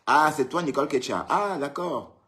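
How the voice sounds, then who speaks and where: A man's voice: fairly high pitch, expressive, normal speed, fairly bright tone. A man hosting a casual live stream, greeting viewers by name and teasing them in a chatty way. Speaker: livestream host. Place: indoors, at home in Europe.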